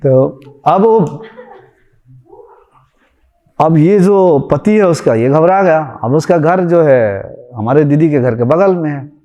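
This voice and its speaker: A spiritual teacher, a man, tells a story to his followers in a relaxed, chatty way, slipping into the voices of his characters. His voice sits fairly high but sounds mellow and warm. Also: slow, pauses often, dull audio.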